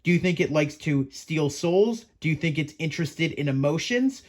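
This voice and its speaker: The Pokemon education show's host has a high voice and talks at a moderate pace, expressive and theatrical. Addressing viewers in a chatty monologue, he plays a professor in a playful way and keeps asking the audience questions.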